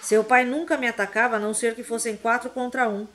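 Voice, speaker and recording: A woman's voice: fairly high pitch, fairly even intonation, fast talker, fairly bright tone, close to an everyday voice. A woman voicing a cold, scornful male wizard professor who taunts his young opponent. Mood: sneering.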